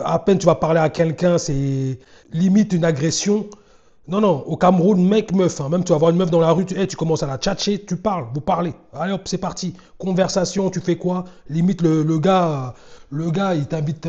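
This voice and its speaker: Mellow-voiced man reacting casually. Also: a little high, moderate pace, highs cut off. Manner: conversational, many fillers and restarts. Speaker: commentator reacting to clips.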